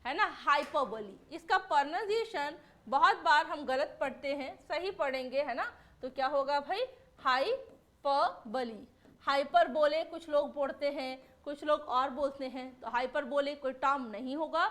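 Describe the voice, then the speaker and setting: A woman's voice: sits high, a bit bright. A woman teacher giving an exam-prep lesson. She talks in a chatty way, asks rhetorical questions, answers them herself and often adds tag questions.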